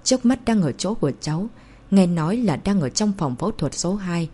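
Woman voicing a calm reassuring uncle. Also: sits high, husky. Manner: hurried, reassuring.

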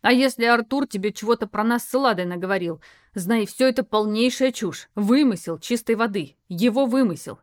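A woman's voice: on the high side, normal speed, close to an everyday voice. Woman reading a touchy, sulky young man. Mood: defensive. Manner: sulky, curt replies.

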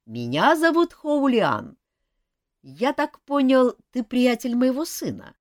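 Amused chiding male elf done by a woman reader, dry close sound, big pitch swings. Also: slow pace, no echo, full character voice. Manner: kindly, lively, chiding.

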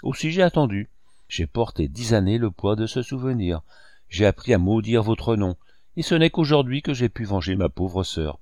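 A man reading the lines of a cold, bitter young male cashier bent on revenge, measured and cutting. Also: lowish voice, big pitch swings, darkish tone, no room sound, clean studio sound. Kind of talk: audiobook character reading.

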